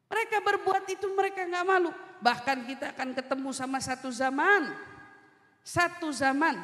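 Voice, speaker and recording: A woman from preaching in a high voice, animated and teasing, slipping from street slang into Arabic phrases. She sounds like a preacher addressing a women's study group. The sound is roomy, with a long echoing tail from a big prayer hall. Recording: echoey hall with long reverb.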